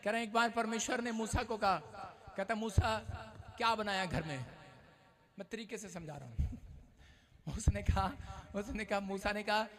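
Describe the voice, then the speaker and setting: A man preaching, telling stories and shouting call-and-response lines. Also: sits high, normal speed, pauses often. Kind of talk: revival sermon. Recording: live with a noisy crowd. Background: congregation noise.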